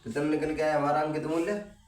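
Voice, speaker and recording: A man's voice: a little high, steady tone, fast. A man teaching maths in a casual classroom style, talking students through each step and answering his own questions. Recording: roomy, mic at a distance.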